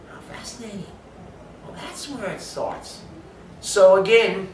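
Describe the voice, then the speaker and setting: A man's voice: high-pitched, a bit bright, a little hiss or hum. A man giving an emphatic health talk, lecturing and asking rhetorical questions. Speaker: speaker on supplementation. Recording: echoey room from far off.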